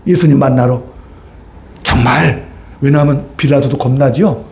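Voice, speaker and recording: A male pastor preaching a sermon, telling the story with lively rhetorical questions and acted-out voices. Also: medium pitch, normal speed, creaky. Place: church sanctuary. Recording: echoey church hall.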